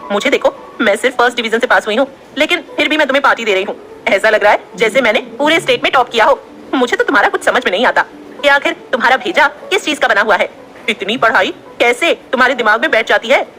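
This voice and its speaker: A woman acts out a loud, dramatic young student girl in an audio story. She talks excitedly in a bright, high voice, as if she's always just about to shout. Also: fast, slight background noise.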